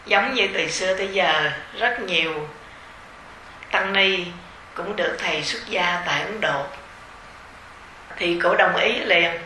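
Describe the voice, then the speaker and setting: Slow, bright-voiced Southern Vietnamese woman teacher. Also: on the low side, echoey room, a little hiss or hum, poor audio. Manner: gentle, unhurried, conversational with soft fillers. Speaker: meditation teacher leading a retreat. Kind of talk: informal dharma talk to retreat participants.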